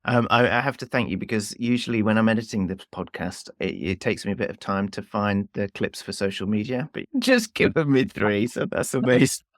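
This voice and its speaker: A man hosting a podcast interview. He asks relaxed, thoughtful questions and often gives small affirmations. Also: lowish voice, brisk, few pauses, no room sound, studio quality. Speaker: podcast host.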